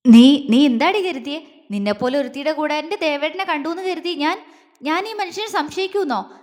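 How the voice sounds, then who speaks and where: A woman plays a furious young wife in a storybook audio series, hurling accusations. The voice sits high and rings with a long reverb. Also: expressive, normal speed. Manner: fierce, shouting accusations.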